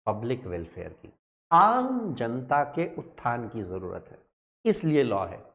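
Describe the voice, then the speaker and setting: Lively male law teacher. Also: medium pitch, slow, highs cut off. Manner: lively, rhetorical questions, mixes English terms into his talk. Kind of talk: classroom lecture.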